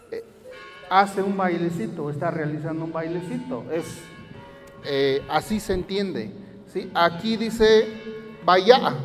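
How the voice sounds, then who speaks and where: Guy teaching a language workshop, kinda high voice, slow and halting, long hall echo. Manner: halting, repeats phrases, many fillers. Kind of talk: explaining grammar in a workshop. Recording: long hall reverb, faint music.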